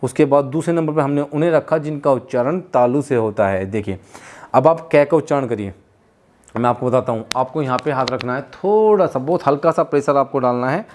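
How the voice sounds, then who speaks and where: A young male teacher leads a lesson at a steady, mid-pitched level. He explains patiently, stretching out each sound for his students. Now and then he slips in a light joke. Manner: explains slowly with drawn-out sounds. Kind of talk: classroom lesson.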